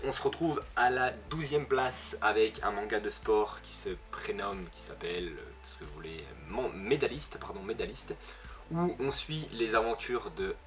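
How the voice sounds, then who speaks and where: A manga video host, a young man with a northern French ch'ti accent, gives a casual review in a lowish, fairly bright voice. He often uses fillers and backtracks to correct himself, with music running in the background.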